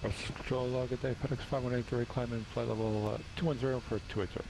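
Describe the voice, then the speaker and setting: A man's voice: mid-range voice, steady tone, fast. A man making clipped pilot radio calls to air traffic control over a pilot headset. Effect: aviation radio transmission. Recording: noisy pilot radio with engine drone.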